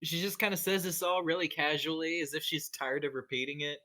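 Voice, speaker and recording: Casual, bright-voiced player. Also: mid-range voice, fairly even intonation, brisk.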